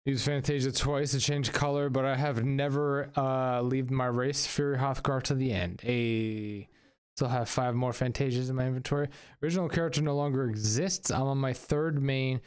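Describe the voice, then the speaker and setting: A man's voice: mid-range voice, fairly even intonation, moderate pace, a little mellow, smooth. A man casually chatting to his viewers while playing a game, reading and answering chat. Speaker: streamer. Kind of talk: casual live gameplay commentary.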